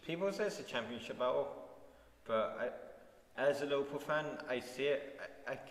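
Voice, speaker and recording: A man's voice: mid-range voice, lively intonation, fairly quick. A teenage boy chatting casually as a student podcast co-host, matter-of-fact and teasing. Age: teens. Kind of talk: casual chat. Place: school room. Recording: echoey room with long reverb.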